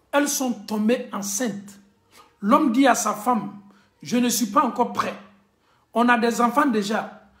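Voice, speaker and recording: A man's voice: extremely high pitch, reverberant. A male imam giving an emphatic sermon that switches between French and Bambara.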